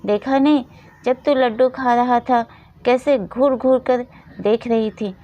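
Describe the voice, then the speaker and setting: A woman voicing a harsh, taunting stepmother in a storybook reading, with a shrill scolding manner. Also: fairly even intonation, a little slow, warm tone, dull audio, lightly acted. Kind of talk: storybook narration with voiced roles.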